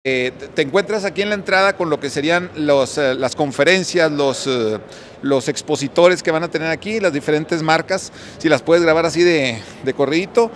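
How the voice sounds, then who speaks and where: A man's voice: a little high, normal speed, slight background noise. A man hosting a casual walkthrough vlog, chatting with fillers and restarts on a handheld mic in an indoor expo hall. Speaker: vlog host touring an electrical expo. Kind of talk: casual on-the-spot walkthrough and interviews.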